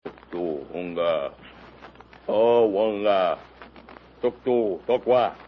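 Dopey, guttural, slow savage brute. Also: male voice, fairly low pitch, lively intonation. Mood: gruff, commanding. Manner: dopey guttural bellow in broken English. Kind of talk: 1930s radio acting. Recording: dull, noisy old radio recording.

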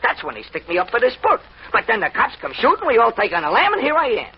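A nervous, excitable small-time gambler talks in a very high voice that jumps all over. His pitch swings widely as he gets worked up. The sound is muffled old radio with faint hiss. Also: slightly rough, heavily acted. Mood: excited. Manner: nervous, excitable, fast-shifting. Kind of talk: 1940s radio acting.

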